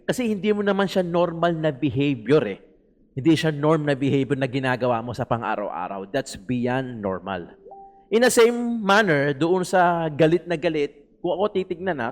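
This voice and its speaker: A man with a Filipino accent giving casual political commentary, rambling and switching between Tagalog and English, often asking "di ba?". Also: on the high side. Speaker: political vlogger.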